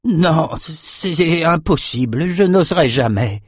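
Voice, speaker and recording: Guy doing a scared old slave man in an audiobook, hesitant, voice pushed up higher, dry sound. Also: animated, unhurried, a little mellow, dry recording. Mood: fearful. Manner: hesitant, fearful. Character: frightened old male kitchen slave.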